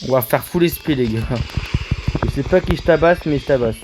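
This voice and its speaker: A young man chats through his gameplay in a mid-pitched voice, stammering and repeating words as he goes. His delivery is quick and excitable, and he keeps calling out to his viewers. A faint hiss with clicking sounds runs under the recording. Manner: excitable, stammering, addresses viewers as "les gars". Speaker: gaming video creator. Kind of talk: casual gameplay commentary.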